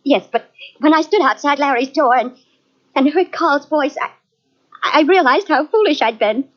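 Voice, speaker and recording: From a dull lo-fi old radio recording of a 1940s drama comes an actress playing a tense, suspected wealthy widow who falters defensively as she talks. Her voice sits high and her acting is light.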